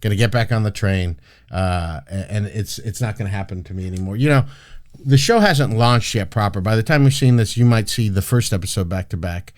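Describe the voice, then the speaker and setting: A man's voice: on the low side, expressive, brisk, a little mellow. A man hosting a casual podcast, brash and profane, rambling with frequent restarts and fillers. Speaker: podcast host.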